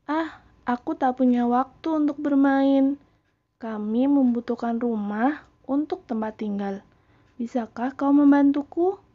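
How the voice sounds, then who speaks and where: A grown-up boy with no time to play asks for help in a slightly raised, mellow voice, as a female teacher reads his lines. He sounds hurried and pleading. The recording is dull and lo-fi. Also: sits high.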